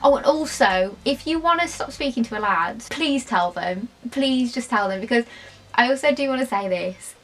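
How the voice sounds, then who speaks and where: A woman's voice: a little high, lively intonation, normal speed, soft background music, poor audio. A tipsy young British woman chatting casually and bluntly to camera in an informal question-and-answer style. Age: young adult. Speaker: vlogger.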